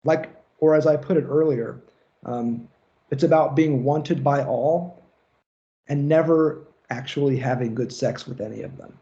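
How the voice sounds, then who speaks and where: A man's voice: medium pitch, measured pace, warm tone, muffled recording. A man giving a recorded lecture on psychoanalysis in a casual, conversational way, with loose asides and the odd swear word. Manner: casual, conversational, profane, fillers like "like".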